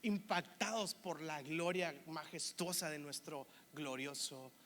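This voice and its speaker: A man's voice: on the high side, slow pace, fairly bright tone, long reverb tail, slight background noise. A man with a northern Mexican accent from Monterrey, preaching a sermon in a chatty way and often asking "¿verdad?". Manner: conversational, keeps asking "¿verdad?". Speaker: pastor.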